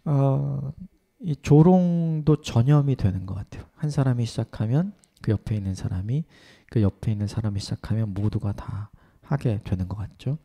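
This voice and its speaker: A man preaching an early-morning sermon in an earnest way, his voice sometimes dropping to a soft whisper. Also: medium pitch, animated, moderate pace, vocal fry. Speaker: pastor.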